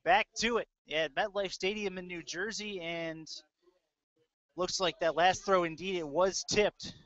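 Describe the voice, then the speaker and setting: Over a dull lo-fi audio stream, a male sports announcer chats his way through live American football play-by-play, relaxed and conversational between plays. His pitch is high and a little bright, his intonation fairly level, and he speaks at a measured pace with no echo.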